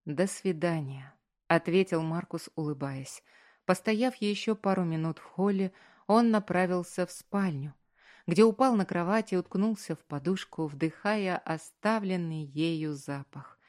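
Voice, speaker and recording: A woman narrating a romance audiobook in a soft, slow, intimate reading. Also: fairly low pitch. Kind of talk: scripted narration.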